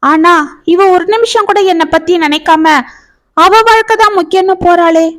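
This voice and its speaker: A woman's voice: high voice, normal speed, natural voice. A woman voicing a distressed middle-aged single mother, tearful and pleading. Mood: anguished. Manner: tearful, pleading, rising and raw.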